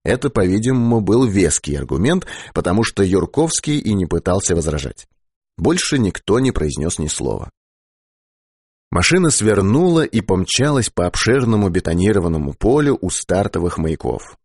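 A man reads a science fiction audiobook with a low, husky voice. His pitch moves a lot, giving the reading shape. The sound is dry and close to the mic. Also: very animated, moderate pace, darkish tone, no room sound. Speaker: audiobook narrator.

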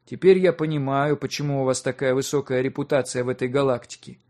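A man's voice: mid-range voice, fairly even intonation, fast, darkish tone, close to an everyday voice. A man voicing a polite, formal winged alien envoy who speaks in a courteous manner.

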